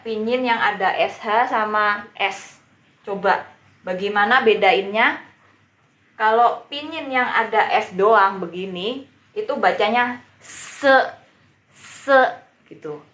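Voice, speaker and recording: A woman teacher speaks very slowly, going over each word again and again at an unhurried pace. Her voice rings in an echoey room. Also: mid-range voice, a bit bright. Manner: patient, repeats words and drills pronunciation. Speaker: Mandarin teacher. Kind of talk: live-streamed beginner language lesson.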